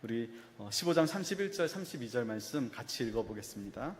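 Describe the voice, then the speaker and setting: A man, a pastor, preaching a sermon. He asks the congregation questions and answers them himself, and gently acts out a father's words to his son. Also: medium pitch, very animated, fast, big-room sound, crowd noise. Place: church sanctuary.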